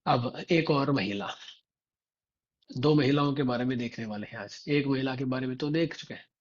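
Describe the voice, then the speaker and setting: A man, a Vaishnava religious teacher, tells a devotional story in a slow, repetitive way and keeps turning to his listeners with rhetorical prompts. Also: medium pitch, muffled recording.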